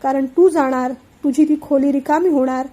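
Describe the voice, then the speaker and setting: An emotional young elder brother pours out his feelings in an earnest, heartfelt way, as a woman reads his part. The voice sits high but mellow. It is a storybook reading. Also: fairly even intonation, moderate pace, close to an everyday voice. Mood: tender.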